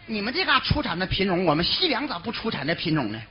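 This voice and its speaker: A woman's voice: medium pitch, big pitch swings, quick pace, close to an everyday voice. A woman playing a brash young brother-in-law in a comic stage duet, with a Northeastern Chinese accent and teasing, boisterous banter. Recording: slightly dull recording with faint noise.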